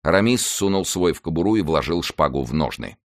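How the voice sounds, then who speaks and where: A man narrating an adventure audiobook in a measured, dramatic way. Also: a bass voice, expressive.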